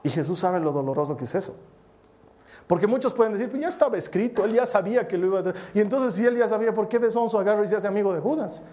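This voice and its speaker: A man's voice: sits high, racing, dark tone. A middle-aged Bolivian man preaches, speaking Spanish with a Bolivian accent. He tells a personal testimony in a storytelling way and briefly acts out the people he quotes.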